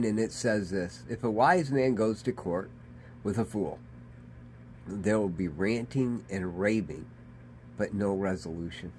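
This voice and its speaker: Man, pastor, earnest, conversational sermon, fairly low pitch, faint background noise. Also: darkish tone. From Michigan. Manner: conversational, earnest, dramatizes quoted voices. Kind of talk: daily devotional sermon.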